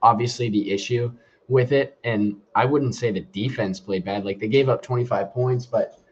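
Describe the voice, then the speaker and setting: A man's voice: medium pitch, fairly even intonation, moderate pace, husky. A man co-hosting a casual sports podcast whose voice sounds muffled and hollow, like he is inside a fishbowl, talking laid-back with many fillers. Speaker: podcast co-host. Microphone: computer mic after headset died. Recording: muffled lo-fi call audio.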